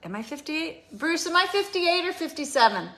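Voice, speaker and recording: A woman in her fifties hosting a casual beauty product demonstration, chatty and often pausing on "um". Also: high voice, very animated, fairly bright tone. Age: 50s. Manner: chatty, with frequent ums. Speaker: beauty show host.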